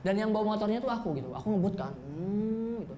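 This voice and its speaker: A man's voice: high-pitched, expressive, fast talker, dark tone. A young man from Bali doing a stand-up comedy set, telling stories and acting out the voices of people in them. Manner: storytelling, acting out quoted voices. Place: comedy stage indoors. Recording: roomy stage echo.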